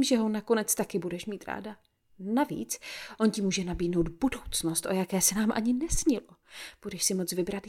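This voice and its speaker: A woman's voice: medium pitch, a little mellow, natural voice. Woman reading it as a cheery mom sweet-talking her teen daughter, coaxing and upbeat. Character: cheerful, persuasive mother of a teenage girl.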